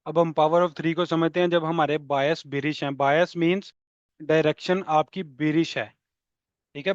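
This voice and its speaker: A man's voice: a little high, dry recording. A man teaching chart trading. He explains step by step, repeats key points and often checks in with his listeners. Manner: explanatory, repeats key points, mixes English terms, checks in with "theek hai". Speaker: trading instructor. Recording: dull dry close recording.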